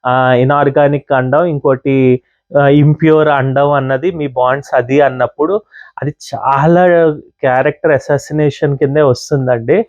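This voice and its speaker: A man's voice: medium pitch, steady tone, moderate pace, a little mellow, no room sound, lo-fi sound. A man reviewing a reality show episode in a casual, chatty monologue, dropping English words in among his talk. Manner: chatty, mixes in English words, many fillers.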